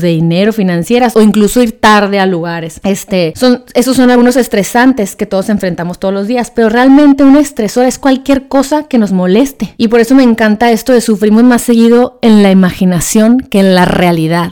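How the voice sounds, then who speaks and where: A woman's voice: mid-range voice, fairly quick, hardly any pauses, mellow, clean tone. Chatty Mexican woman podcaster. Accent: Mexican Spanish. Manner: chatty and candid, acts out quoted friends and inner voice. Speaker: podcast host. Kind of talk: casual self-help podcast monologue.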